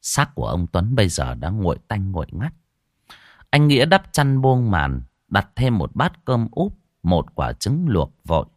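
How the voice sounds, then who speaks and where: A man's voice: sits low, no echo, clean studio sound. A man narrating a horror story as an audiobook reader. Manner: expressive storytelling.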